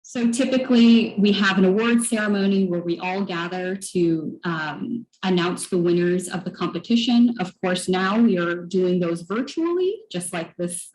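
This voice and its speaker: A woman's voice: lowish voice, a little mellow. A woman giving a webinar presentation over a video call, explaining step by step with many fillers. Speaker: managing director presenter. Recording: echoey room with faint noise.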